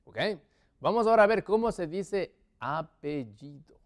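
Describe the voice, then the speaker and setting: Lively-voiced man teaching a language class. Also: high-pitched, a little slow. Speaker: English teacher. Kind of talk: lesson to Spanish speakers.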